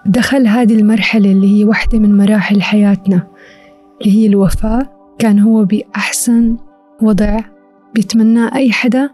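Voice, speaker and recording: A woman with a Levantine Arabic accent speaks at a brisk clip in a soft-edged, mellow tone. She hosts a self-help podcast, guiding the listener directly through reflective advice, with music underneath. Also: medium pitch. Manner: addresses the listener directly and instructively. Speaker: podcast host.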